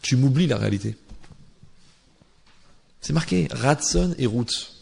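A man teaching a Torah class who argues with imagined objections and swings from quiet asides to loudly recited Hebrew verses, with a teasing tone. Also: medium pitch, expressive, a little slow, creaky, husky. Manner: joking, teasing tone with listeners. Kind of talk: Torah class to a live audience.

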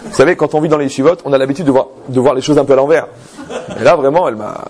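A man's voice: mid-range voice, racing, background noise. A man giving an anecdotal religious talk as a rabbi, telling stories, asking rhetorical questions and checking "d'accord?" with his audience. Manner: lively storyteller, rhetorical questions, frequent "d'accord?".

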